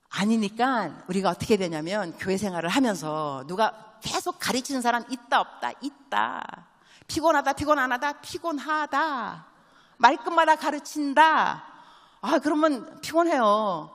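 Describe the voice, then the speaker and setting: A woman missionary preaching a sermon, telling stories and asking the congregation quick questions, mixing in English phrases. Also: a little high. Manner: animated storytelling with quick call-and-response questions to the congregation; drops English phrases into her speech. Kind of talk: church sermon. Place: large church sanctuary. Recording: long church hall reverb.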